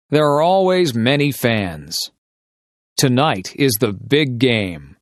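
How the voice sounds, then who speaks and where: A man reading short, simple sentences as dictation for English learners, enunciating each one carefully and deliberately. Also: mid-range voice, no room sound, studio quality.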